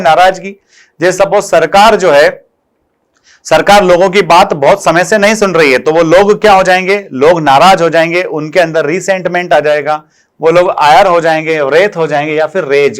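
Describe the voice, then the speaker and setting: A man's voice: high voice, fairly bright tone. A man teaching English vocabulary in Hindi in an online exam-prep lesson, calling his students "beta" and posing questions he answers himself. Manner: addresses students fondly as "beta" and "bachche", asks and answers his own questions.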